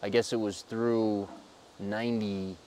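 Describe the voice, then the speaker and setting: A man's voice: fairly low pitch, level tone, slow pace, darkish tone, slight background noise. A man hosting a casual, conversational interview. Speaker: interviewer, host.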